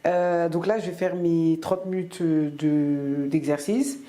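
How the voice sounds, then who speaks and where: A woman's voice: fairly low pitch, steady tone, slow pace, warm tone. A woman from France chatting casually to camera in her weekly vlog, rambling with many fillers and restarts. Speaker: vlogger.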